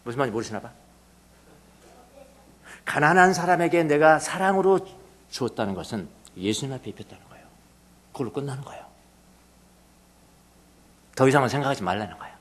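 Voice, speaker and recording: A male pastor preaching a sermon, telling stories with lively swings between animated emphasis and quiet asides, laughing now and then. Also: medium pitch, a little fast, pauses often. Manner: laughs often while preaching.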